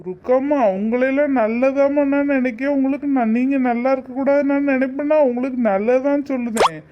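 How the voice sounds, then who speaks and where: A man's voice: very high voice, fairly even intonation, fast talker, slight background noise. Cartoon: a resentful young man, angry and cold, dull lo-fi recording. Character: bitter young village man, disowning his mother.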